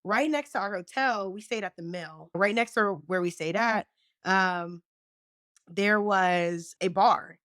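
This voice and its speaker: A woman chatting as a podcast guest, telling lively stories, swearing freely and acting out what people said. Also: medium pitch, slow pace, dry recording, studio quality. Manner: animated storyteller, swears freely, acts out quotes. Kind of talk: casual chat.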